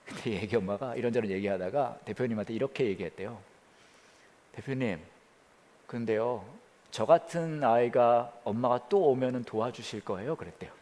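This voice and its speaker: A man preaching as a pastor, telling a story with quoted voices and dropping to a hush near the prayer. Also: mid-range voice, normal speed, big-room sound. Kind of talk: sermon. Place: church during the pandemic.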